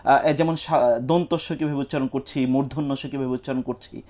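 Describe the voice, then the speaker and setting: A man, an Islamic scholar, giving measured, teacherly answers on a live television question-and-answer show, weaving in Arabic quotations. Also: medium pitch, steady tone, darkish tone. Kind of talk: explanatory religious talk. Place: television studio.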